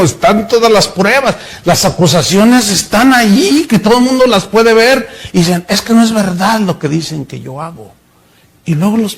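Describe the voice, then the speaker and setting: A middle-aged male pastor preaches a sermon as a storyteller, acting out the voices of the people in his anecdotes. His voice sits high and is slightly rough.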